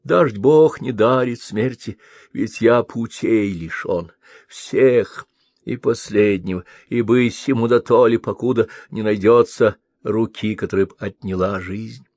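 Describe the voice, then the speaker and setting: A man's voice: fairly low pitch, measured pace, a little mellow, no room sound. A male reader voicing a grey old exiled prince who pleads and cries out to be killed. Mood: desperate pleading. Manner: pleading, crying out to the heavens. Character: old broken exiled prince, begging for death.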